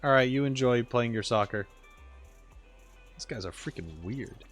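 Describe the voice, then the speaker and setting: A man's voice: mid-range voice, unhurried, faint music behind. A man streaming a game, joking and mocking the characters in casual commentary. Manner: joking, animated, mocks the characters.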